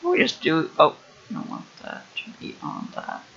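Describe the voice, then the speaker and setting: A man's voice: fairly high pitch, huge pitch swings, normal speed, vocal fry, a bit bright, husky, lo-fi sound. A young man livestreaming as he builds a game level, rambling casually with lots of fillers and restarts. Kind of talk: casual thinking-aloud livestream.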